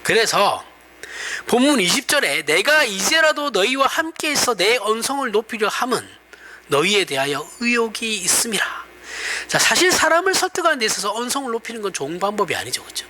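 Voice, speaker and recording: A man's voice: high-pitched, big pitch swings, fairly quick, pushed and bright, slight background noise. A middle-aged male pastor with a Gyeongsang accent, preaching a sermon in a chatty way, checking often that his listeners follow and laughing at himself. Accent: Gyeongsang Korean. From Gyeongsang region, Korea. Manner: conversational, often asks the congregation for agreement, laughs at himself.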